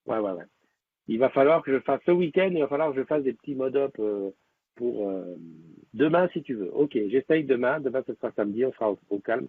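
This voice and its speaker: A man's voice: mid-range voice, slightly rough. A man hosting a live stream, chatting casually with viewers and rambling with many fillers and restarts. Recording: tinny, lo-fi phone-like sound.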